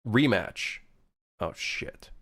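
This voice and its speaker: A man's voice: very slow, a bit bright. A man born in Switzerland, a game developer chatting casually and jokingly on a live stream while reading chat aloud.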